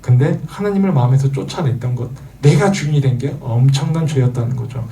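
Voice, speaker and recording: A man's voice: mid-range voice, a little fast, gravelly, mellow, recorded from a distance. A man preaching a sermon to teenagers, asking the audience questions and acting out the voices he quotes. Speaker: youth pastor.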